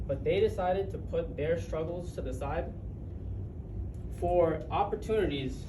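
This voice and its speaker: A young man from the United States telling a personal story in a speech to a live audience, conversational and a little nervous, with deliberate dramatic pauses. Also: a little high. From grew up in the United States. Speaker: member giving a personal speech to peers. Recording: distant, echoey room with clear background noise.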